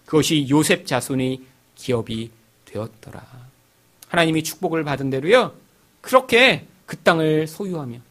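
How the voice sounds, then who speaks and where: A man preaching a sermon in a high, very lively voice that leaps up for emphasis and drops low for quiet asides. He keeps turning to the congregation and draws them in with questions. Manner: animated preaching, voices the Bible's figures with sudden pitch jumps. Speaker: pastor.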